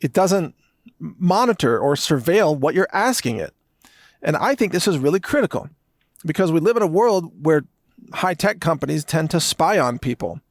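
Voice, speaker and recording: In a studio-quality recording with no echo, a middle-aged podcast host delivers an emphatic monologue of commentary. His fairly high, sing-song voice moves at a moderate pace, building through long lists of phrases.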